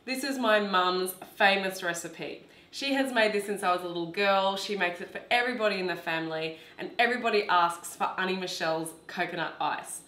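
A woman's voice: medium pitch, brisk, hardly any pauses, sharp tone, reverberant. A woman, hosting a cooking demonstration in her home kitchen and explaining each step in a chatty, instructive way. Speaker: cooking show host.

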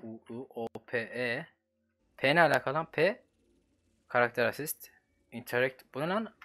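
A young man with a Turkish accent, giving casual, slangy commentary while playing a fighting game at his computer and reacting loudly to each fight. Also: medium pitch, animated, normal speed. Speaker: gaming channel host.

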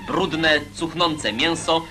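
A man's voice: a little high, takes it slowly. A man narrating a 1950s newsreel as a voice-over, with a declamatory, emphatic announcer's delivery. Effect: old newsreel voice-over. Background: loud music.

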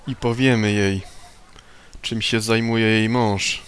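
A man's voice: on the low side, steady tone, slow pace, a bit bright, smooth. A man hosting a let's play, casually commenting and reading his own character's lines. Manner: casual, matter-of-fact.

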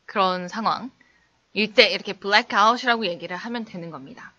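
On lo-fi audio, a young woman speaks a little fast with a sharp tone as she teaches English during a casual live stream. Between reading the chat, she laughs and acts out playful skits in exaggerated high voices.

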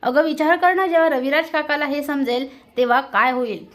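A woman's voice: high voice, normal speed, a bit bright. A woman voicing an angry man who scolds his younger brother, in a reproachful, scornful way.

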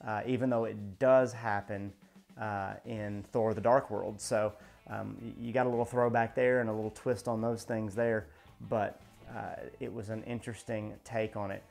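A man's voice: on the low side, fairly even intonation, measured pace, gravelly, darkish tone, faint music behind. A man in his thirties chatting through a show breakdown in a casual video, with many fillers and restarts, recorded indoors in a small studio. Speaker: show reviewer. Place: indoor home studio in front of a backdrop.

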